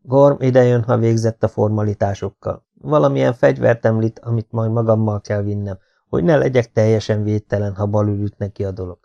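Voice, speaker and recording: A man's voice: fairly low pitch, gravelly, warm tone, dull audio. A male audiobook reader voicing a terse, secretive space-station officer with clipped, matter-of-fact lines.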